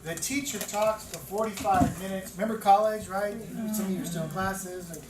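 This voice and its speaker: A man in his fifties, a teacher trainer giving an animated lecture with stories, repeating words for emphasis. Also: sits high, moderate pace. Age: 50s. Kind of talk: classroom lecture. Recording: echoey room from far off, noisy.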